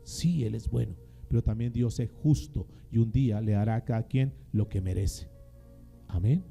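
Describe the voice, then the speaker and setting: A man's voice: on the low side, moderate pace, gravelly, mellow, faint music behind. A male pastor preaching a sermon in a dramatic style, calling on the congregation to repeat his words back to him. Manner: dramatic call-and-response preaching.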